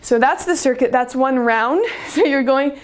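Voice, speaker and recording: A woman's voice: high voice, unhurried. A young woman fitness instructor talking through a workout while doing it, upbeat and slightly out of breath. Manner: upbeat, cueing exercises while moving. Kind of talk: workout demonstration.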